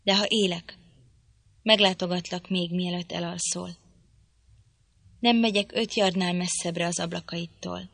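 A brooding, desperate young man, read by a woman narrator speaks in an urgent, hushed way. The voice sits fairly low and sounds dry and close, as in a storybook audiobook. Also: fairly even intonation, creaky, long pauses, dry recording. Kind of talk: audiobook reading.

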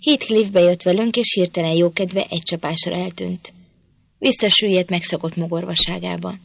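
A woman reading a novel aloud as steady, scripted narration on a close mic. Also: on the low side, gravelly, no echo. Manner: steady storytelling. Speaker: audiobook reader.

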